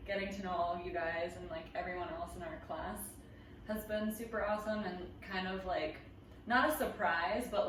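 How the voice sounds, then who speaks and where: A woman in her twenties from Los Angeles, a guest in a casual chat, talking loosely and filling pauses with "like". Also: mid-range voice, slight background noise. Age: 20s. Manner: casual, full of "like", trailing off. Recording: echoey room, mic far off.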